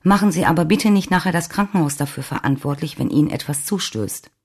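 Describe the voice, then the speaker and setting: A stern hospital nurse speaks insistently and with clear disapproval, as the reader voices her. Her voice is husky with a gravelly edge. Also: sits low, fast talker, darkish tone, pitched above the performer's own voice.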